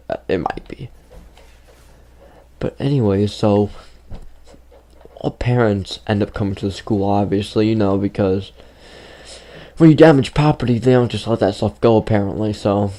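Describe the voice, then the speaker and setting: This fifteen-year-old gaming YouTuber spins a meandering story full of fillers while playing, his voice fading. The male voice sits on the low side and sounds mellow.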